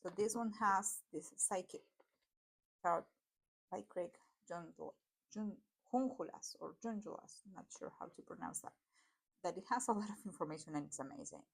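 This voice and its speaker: A woman's voice: on the low side, normal speed, creaky, slightly rough. A woman whose first language is Spanish, reviewing tarot decks in a casual chat, with fillers and self-corrections. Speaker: tarot vlogger.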